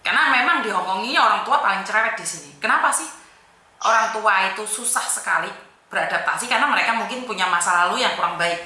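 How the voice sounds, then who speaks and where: A woman's voice: medium pitch, expressive, fast, bright, forceful tone, reverberant. A woman hosting a call-in advice show, lecturing the caller bluntly and firmly. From Indonesia. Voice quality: scolding, firm, mixes in Javanese words. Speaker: advice host.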